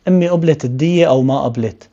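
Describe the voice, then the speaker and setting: A man's voice: on the high side, rapid-fire, dark tone, muffled recording, lightly acted. A man voicing a bitter young man vowing revenge, in a Syrian accent.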